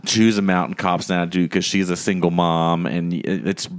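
During a casual podcast chat, the host tells an extended anecdote in a low-pitched voice at a moderate pace. His storytelling is animated, and he acts out each person's quoted lines.

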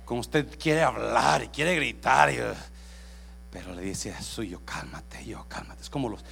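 A male pastor, preaching a bilingual sermon that swings from shouting to hushed whispers and slips into English phrases. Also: mid-range voice, animated, moderate pace, vocal fry, slight background noise.

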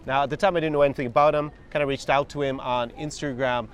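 A man's voice: mid-range voice, steady tone, fast. A man hosting a video podcast, introducing his guest in an upbeat, eager way. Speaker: podcast host. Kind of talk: casual interview introduction.

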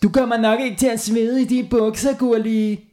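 A man voicing a brash schoolboy who shouts and teases a classmate. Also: extremely high pitch, steady tone, pitched above the performer's own voice. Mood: teasing.

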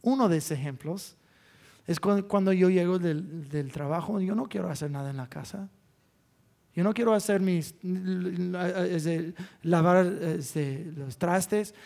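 A man's voice: high voice, measured pace, creaky, darkish tone. A man, a pastor giving a sermon in a candid, self-mocking storytelling way.

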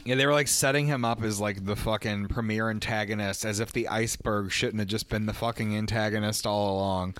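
A man's voice: fairly low pitch, steady tone, fairly quick, hardly any pauses, fairly bright tone, smooth. A man co-hosting a casual movie commentary, joking, swearing freely and laughing often.

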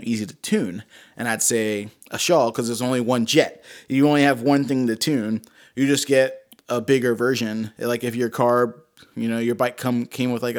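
A male podcast host with a mid-range voice and a loose frat-bro way of talking. He chats casually and slangily, like he's hanging out with buddies. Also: medium pitch. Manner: laid-back frat-bro slang, peppered with "dude" and "man".

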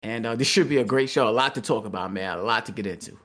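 A man's voice: lowish voice, fast, a bit bright. A man co-hosting a gaming podcast, full of slang and playful trash talk aimed at his friends. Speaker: podcast co-host. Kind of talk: casual gaming podcast chat.

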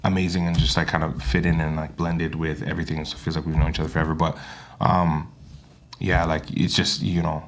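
Male guest musician, very low voice, candid and colloquial, casual podcast conversation. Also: flat delivery, brisk. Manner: candid, colloquial, peppers talk with tag questions. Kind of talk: casual chat.

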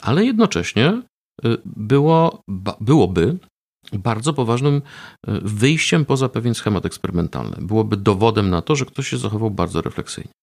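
A man being interviewed about research he ran, explaining in a measured way with frequent hesitation fillers. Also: lowish voice, sing-song, creaky, a little mellow. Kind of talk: conversational interview.

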